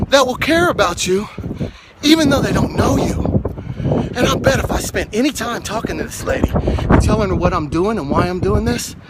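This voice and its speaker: Winded high-voiced man climbing outdoors. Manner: encouraging, talks to camera while climbing stairs. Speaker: vlog host. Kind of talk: motivational walking vlog. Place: outdoors on reservoir steps. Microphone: handheld phone. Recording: loud wind noise on phone mic.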